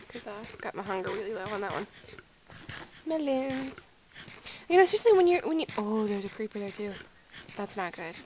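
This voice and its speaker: A woman's voice: on the high side, a little mellow, slight background noise, poor audio. A sleepy woman giving rambling, giggly, self-deprecating gameplay commentary at home late at night. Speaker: gaming video creator.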